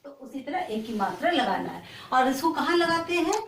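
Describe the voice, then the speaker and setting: Female teacher for a kids' lesson: high, lively voice, slow and patient, in an echoey room off-mic. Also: vocal fry, far from the mic, slight background noise. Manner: slow, sing-song spelling out of letters; patient, questioning tone toward children. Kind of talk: children's language lesson.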